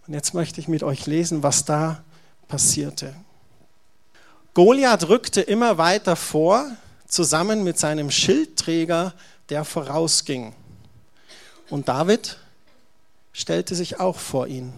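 A male pastor giving a family service sermon, telling the story in a lively way, acting out quotes and talking to the children. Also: fairly high pitch, takes it slowly, vocal fry, pauses often.

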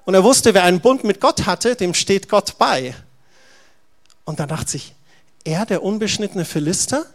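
High-voiced pastor telling a story. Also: male voice, a little slow. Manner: lively storytelling, acting out quotes, addressing children. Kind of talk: family service sermon.

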